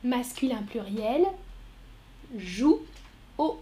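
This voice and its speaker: A woman's voice: a little high, animated, extremely slow, dark tone. A woman teaching a live online French lesson, spelling words letter by letter and praising students by name. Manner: encouraging, calls out students by name.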